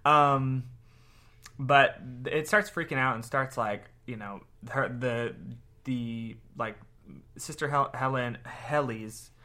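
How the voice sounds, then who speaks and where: A male podcast co-host chats casually, rambling with lots of fillers and restarts. His voice is mid-range, bright and forceful in tone, and he takes it slowly.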